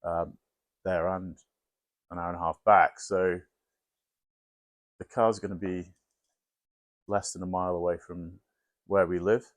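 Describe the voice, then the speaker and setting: A man chatting casually in a garage workshop about restoring a car, relaxed and rambling as he explains plans. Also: deep voice, a little slow, long pauses. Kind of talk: casual chat while working on a car.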